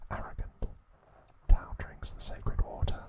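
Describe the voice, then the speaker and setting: A male ASMR host whispers his narration very slowly, breaking his sentences deliberately into short phrases with pauses in between.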